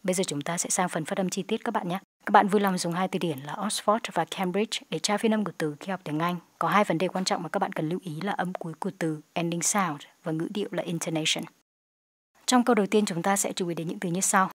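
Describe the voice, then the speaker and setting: Woman with a Vietnamese accent as English teacher; lowish voice, dry close sound, slow model sentences. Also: no room sound. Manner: explains in Vietnamese, reads English models slowly and clearly. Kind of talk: language lesson narration.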